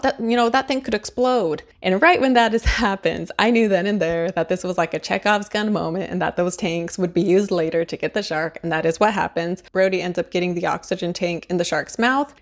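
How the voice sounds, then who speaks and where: A woman giving a casual, chatty book and movie review to camera, laughing often and using a lot of fillers. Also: fairly low pitch.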